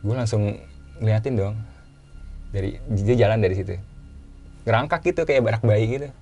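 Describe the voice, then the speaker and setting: A man with a casual way of talking, telling his own story as a guest in a relaxed chat and repeating phrases for emphasis. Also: lowish voice, moderate pace, highs cut off, soft background music.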